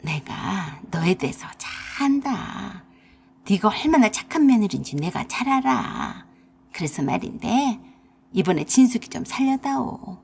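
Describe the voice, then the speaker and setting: A woman's voice: on the high side, sing-song, moderate pace, slightly rough, exaggerated voice. A woman voicing a bossy, scolding older mother-in-law with an in a radio drama. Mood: wheedling. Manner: harsh, nagging, scolding.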